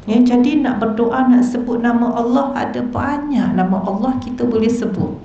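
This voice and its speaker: A woman's voice: a little high, moderate pace, dark tone, slight background noise. Malaysian woman lecturing in an echoey hall. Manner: asks the audience rhetorical questions. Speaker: religious teacher. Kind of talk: religious lecture. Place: mosque hall. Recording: echoey hall, dull lo-fi sound.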